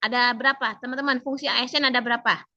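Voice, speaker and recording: A woman instructor coaching an online class, slightly hoarse, chatty, and quizzing students by name. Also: fairly high pitch, fairly even intonation, very fast, pushed and bright, highs cut off. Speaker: civil service training instructor.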